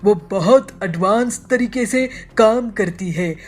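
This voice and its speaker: Woman voicing a slow, boastful male thief leader for a cartoon. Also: mid-range voice, darkish tone. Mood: scheming. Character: male animal thief, gang leader, scheming. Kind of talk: cartoon storytelling.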